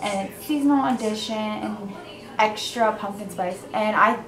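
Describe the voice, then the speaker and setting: Over background music, a young Indiana woman talks at a normal pace and medium pitch, chatting loosely like a vlogger. It's recorded on a handheld camera mic, so the sound is noisy with a roomy echo.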